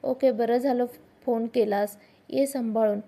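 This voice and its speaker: A practical young woman speaks briskly in a storybook scene, as a narrator voices her. Her voice is dark and gravelly, somewhat high. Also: fairly even intonation.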